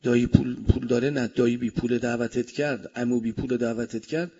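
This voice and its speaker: A man preaching a sermon with speech, swinging between loud emphasis and soft asides. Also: medium pitch, little pitch movement, breathy edge. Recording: dull lo-fi recording.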